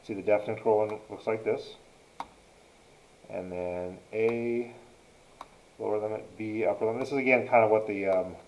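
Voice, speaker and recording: A man's voice: fairly low pitch, steady tone, normal speed, pauses often, darkish tone, roomy sound, a little hiss or hum, rough recording. A man teaching a math lesson, dictating each entry step by step as he narrates a calculator demonstration.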